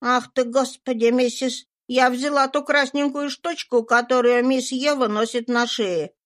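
A woman's voice: sits high, fairly even intonation, measured pace, voice pushed up. Woman doing a whiny sly servant girl. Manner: whiny, pleading.

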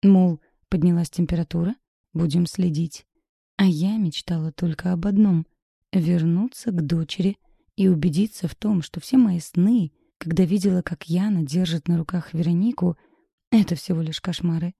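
A woman narrating a first-person audiobook in a measured, intimate, introspective way, with a husky voice. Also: lowish voice, warm tone, dry recording, clean studio sound.

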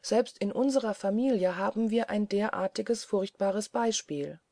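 A woman voicing a lively, sceptical young woman who talks in a brisk, mocking way. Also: mid-range voice, no room sound, lightly acted.

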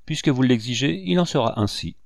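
A man voicing a proud, bitter rebel commander who speaks in solemn, measured oratory. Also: mid-range voice, animated, vocal fry, no echo, clean studio sound, voice pushed up. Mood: bitter, curt.

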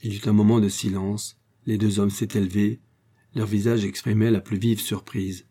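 Male audiobook narrator, measured delivery, low-pitched, dark mellow tone. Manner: steady, measured reading. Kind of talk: scripted narration.

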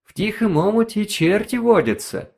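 A man's voice: high-pitched, lively intonation, normal speed, vocal fry, a little mellow, pitched above the performer's own voice, exaggerated voice. A man voicing a sly, insinuating talking device that whispers neighbourhood gossip in a story reading. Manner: insinuating, snickering.

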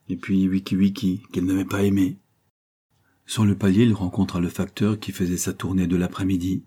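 A man narrating a novel in a measured, steady storytelling manner. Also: fairly low pitch, husky. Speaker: audiobook narrator.

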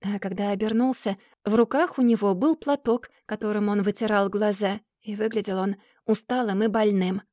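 A woman reading a classic novel aloud in a measured, expressive way. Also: mid-range voice, dry recording, clean studio sound. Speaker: audiobook reader.

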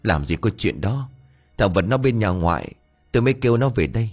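A man voicing a stern middle-aged village father who shouts and scolds. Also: on the low side, animated, a little fast, husky, faint music behind. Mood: scolding.

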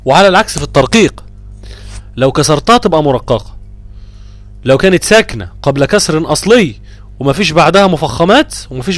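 A man with an Egyptian accent teaching Quran recitation rules, quizzing students and chanting verses slowly. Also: a little high, no echo. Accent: Egyptian Arabic. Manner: lively, drawn-out chanting of verse examples. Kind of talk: live tajweed lesson.

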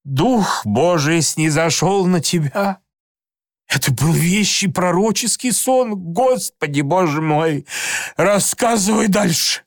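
A fretful, pious old aunt, as a male reader puts her on, exclaiming and pleading with slow, drawn-out weight. The voice is dry and close with no room around it. It is a storybook reading in which every plea lands with emphasis. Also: high voice, lively intonation, no room sound, voice pushed up, full character voice. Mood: awed. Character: old woman, fussing, pious, easily moved aunt. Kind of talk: audiobook character voice.

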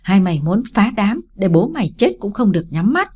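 A harsh older stepmother, loud and sharp, spitting scorn at every word, as a woman narrator puts her on. Her husky, darkish voice pushes higher and harder than the reader's own. An audiobook story voice. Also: expressive, a little fast. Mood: shouting. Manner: shouting, contemptuous scolding.

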